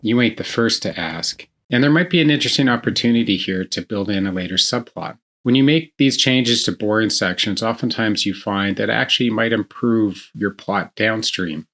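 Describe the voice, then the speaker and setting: A man's voice: fairly low pitch, normal speed, few pauses, fairly bright tone. A man giving a writing tutorial, reading example scenes aloud and explaining how to improve them. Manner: reads example passages aloud, then explains. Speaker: writing instructor.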